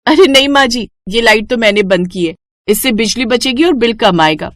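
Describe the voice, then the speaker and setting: A woman voicing a clever, cheeky young daughter-in-law in a storybook tale, in a bright, sly voice. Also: fairly high pitch, lively intonation, moderate pace, no room sound, clean studio sound.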